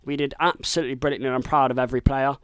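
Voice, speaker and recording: A man streaming a football video game live, calling the action like a commentator and shouting at the big moments. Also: medium pitch, level tone, rapid-fire, clean tone, no echo. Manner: mimics a football commentator and a team manager.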